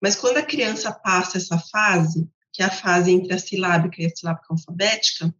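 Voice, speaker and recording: Here the same Brazilian Portuguese-accented educator speaks lower, a little fast, and a bit bright, still teaching teachers by repeating her points through contrasts. The sound remains roomy and somewhat dull.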